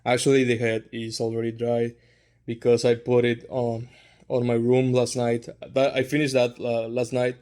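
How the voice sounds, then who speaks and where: Casual man with flat, even intonation. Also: mid-range voice, normal speed. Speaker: hobbyist host of figure customizing videos. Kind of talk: casual vlog chat to viewers.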